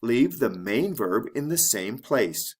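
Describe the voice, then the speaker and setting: A man teaching English to beginners, speaking slowly and clearly and modeling the intonation of example sentences. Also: mid-range voice, big pitch swings. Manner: deliberate, modeling intonation for learners. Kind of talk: slow, clear lesson narration.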